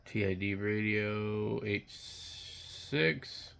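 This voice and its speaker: A man who is under the weather, giving casual, unscripted commentary while browsing online, muttering in a halting, blunt way. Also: on the low side, gravelly, a bit bright, clean tone. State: sick, occasional coughing and throat clearing. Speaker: radio hobbyist vlogger.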